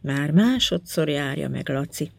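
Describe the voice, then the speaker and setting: A gentle, sorrowful woman doctor speaks softly to her patient, as a woman reader puts her on. The voice sits low and calm. The recording is close and dry, with no room sound. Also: gravelly, dry recording. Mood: gently concerned. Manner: quiet, sympathetic. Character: kind, sad woman doctor, middle-aged.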